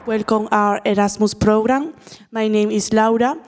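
A woman hosts, putting short, direct questions to her guests in a mid-pitched voice. The recording has a long reverberant ring. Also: steady tone, moderate pace, a crowd in the background. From Spain. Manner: brief, question-led. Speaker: podcast host, interviewer. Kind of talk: reading interview questions. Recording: reverberant room.

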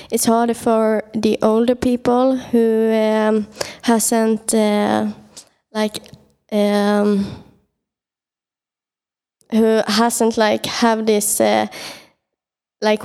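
A woman speaks slowly and hesitantly, filling her pauses with ums and uhs. Her voice is mellow and smooth, with a flat, even delivery. The recording has a long, reverberant ring to it. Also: a little high. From Sweden. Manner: hesitant, many fillers. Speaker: podcast guest. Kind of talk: casual discussion answers. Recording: reverberant room.

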